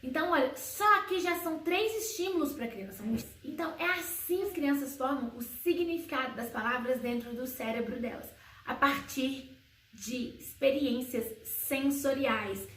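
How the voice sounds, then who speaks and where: High-pitched woman teaching in a roomy echo. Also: slight background noise. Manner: explains slowly, asks and answers her own questions; sings baby words in a high sing-song voice. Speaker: homeschooling educator. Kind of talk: educational video talk to parents. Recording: roomy echo, slightly far from mic.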